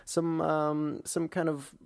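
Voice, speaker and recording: A man's voice: a little high, flat delivery, slow, creaky, no room sound, clean studio sound. A young man co-hosting a writing podcast, chatting in an easygoing way full of "like" and "you know.". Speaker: podcast co-host. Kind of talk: casual podcast chat.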